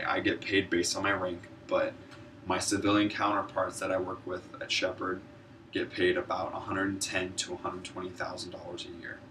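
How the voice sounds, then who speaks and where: A student public speaker who is a military air traffic controller gives a prepared informative speech, earnest but occasionally stumbling over words. His voice sits low with a fairly bright tone. The mic is distant, picking up noisy room ambience.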